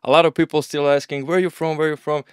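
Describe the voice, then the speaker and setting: A man's voice: on the high side, fast, clean tone, dry recording, clean studio sound. A young man from Croatia with a Croatian accent, talking casually and loosely as an interview guest, leaning on filler words like "like" and "bro". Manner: relaxed, rambling, uses "bro" and "like". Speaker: agency owner, guest.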